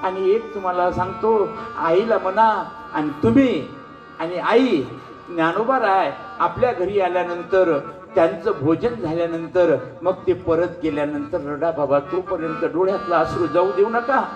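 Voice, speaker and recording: A man's voice: high-pitched, normal speed, faint music behind, close to an everyday voice. A man voicing a wailing seven-year-old boy. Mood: dying plea. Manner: crying, pleading cries. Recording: roomy hall with faint instruments.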